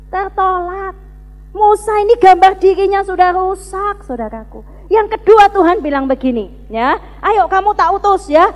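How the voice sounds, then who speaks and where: High-voiced woman preaching in a reverberant hall. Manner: dramatic swings between loud emphatic calls and hushed asides; keeps addressing listeners as brothers and sisters. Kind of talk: sermon to a congregation. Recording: long hall reverb with music behind.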